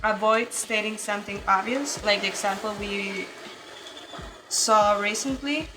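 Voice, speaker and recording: A woman's voice: mid-range voice, fairly even intonation, a little slow, background noise. A woman teaching an online English grammar lesson, explaining patiently and checking in with her students often. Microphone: computer mic in virtual session.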